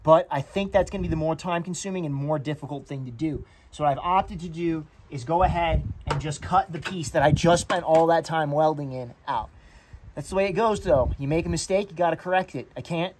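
A man's voice: on the high side, brisk. A young man, a mobile welder, casually explaining his work outdoors, laid-back and cursing now and then. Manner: laid-back, swears casually, plugs gear. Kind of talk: casual how-to narration. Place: outdoors beside a trailer. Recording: loud generator noise outdoors. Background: loud engine and work noise.

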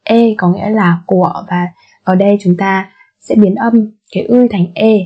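Patient woman teacher, soft husky voice, dull recording. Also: medium pitch, steady tone. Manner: patient, repeats each word slowly several times. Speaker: language teacher. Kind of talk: vocabulary lesson with repetition drills. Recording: muffled lo-fi recording.

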